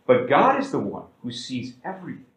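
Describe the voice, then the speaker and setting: A man preaching a sermon as pastor, with big swings in pitch and volume and slow, drawn-out words for emphasis. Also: huge pitch swings, a bit bright, heavy reverb, rough recording. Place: church sanctuary.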